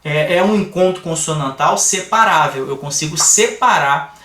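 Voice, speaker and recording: A man with a Brazilian Portuguese accent teaching a grammar lesson, explaining slowly and asking the class rhetorical questions. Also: a little high, bright, forceful tone, distant mic. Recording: echoey room, voice a bit off-mic.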